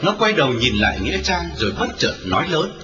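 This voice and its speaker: A man narrating a dramatic story, expressive in his storytelling. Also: fairly high pitch, quick pace. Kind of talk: dramatic audiobook reading. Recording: roomy, lo-fi, distant, with music.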